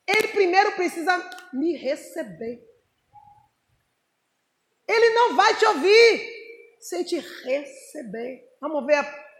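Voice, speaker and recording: High-voiced woman preaching in an echoey room. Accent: Brazilian Portuguese. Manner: animated, talks straight to the congregation with rhetorical questions. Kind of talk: sermon.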